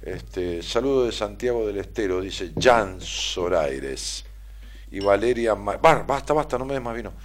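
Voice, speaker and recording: A man's voice: fairly low pitch, lively intonation, unhurried. A man with an Argentine accent hosting a casual stream, reading listener messages aloud in a playful, teasing way. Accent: Argentine Spanish. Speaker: radio and stream host.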